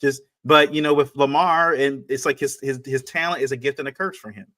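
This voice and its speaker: Guy on a sports podcast, casual chat, keeps hammering the same point, lots of restarts, medium pitch. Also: fairly quick, bright, forceful tone. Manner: emphatic, repeats points, frequent restarts.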